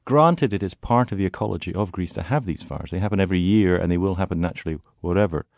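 A man's voice: sits low, quick pace, creaky, darkish tone, no echo. A man talking as a tour guide guest in an interview, articulate and wry with emphatic wording. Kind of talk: conversational interview.

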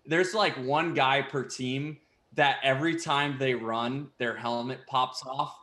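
A man's voice: mid-range voice, fairly even intonation, measured pace, pushed and bright. Young man who laughs easily, roomy sound. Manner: laughs often while talking. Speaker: professional baseball player. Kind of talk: casual interview. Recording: roomy echo.

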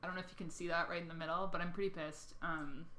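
A woman's voice: on the low side, fairly even intonation, bright, forceful tone. A woman co-hosting a podcast, chatting casually and joking with friends in her bedroom. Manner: joking, quick banter. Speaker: podcast co-host. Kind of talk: casual chat.

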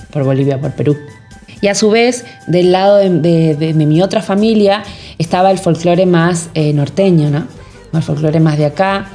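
A woman's voice: sits low, warm tone. A woman from Jujuy with a northern Argentine accent, a musician giving thoughtful interview answers and often searching for words. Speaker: musician guest.

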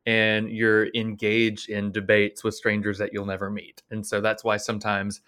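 A man hosting a podcast in a casual chat, agreeable and quick to laugh along. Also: on the low side, completely flat delivery, pushed and bright, smooth. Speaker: podcast host.

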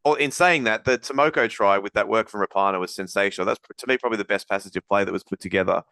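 A man hosting a casual sports podcast, breaking down games in a rapid, rambling analytical way with many restarts. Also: on the low side, pushed and bright, clean tone, no echo, studio quality. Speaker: podcast host.

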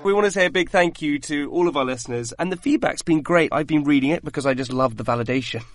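A man's voice: on the high side, fast talker, no echo, studio quality, faint music behind. A young man co-hosting a comedy podcast, playful and self-mocking. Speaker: co-host. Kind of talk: comic podcast banter.

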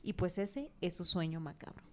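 A woman's voice: fairly low pitch, moderate pace. A young woman with a Mexican accent, a podcast host telling a scary story in a casual, slangy, dramatic way. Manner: animated, slangy, dramatic retelling.

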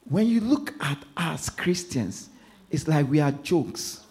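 A man with a Ghanaian accent preaching a sermon as pastor, repeating phrases and swinging between hushed asides and loud emphasis. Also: fairly high pitch, lively intonation, slow.

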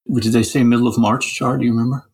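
A man with a husky, gravelly voice explaining research as a guest in a conversational interview. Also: medium pitch, steady tone, racing, a little mellow.

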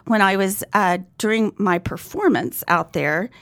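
A woman from Fort Worth, co-hosting a casual podcast and telling lively stories with exclamations and laughter. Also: medium pitch, measured pace, dry recording. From Fort Worth, Texas. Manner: animated storyteller, exclaims and laughs often. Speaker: podcast co-host. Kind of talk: casual chat and read sponsor ads.

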